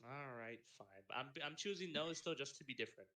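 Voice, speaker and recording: A man's voice: mid-range voice, fairly quick, a crowd in the background. A young man in a casual podcast chat, blunt, playful and contrarian.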